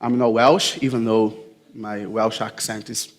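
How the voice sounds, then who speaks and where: Slow-speaking pastor, man. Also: fairly low pitch, flat delivery. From Brazil. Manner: chatty, jokey, speaks straight to the congregation. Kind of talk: church sermon.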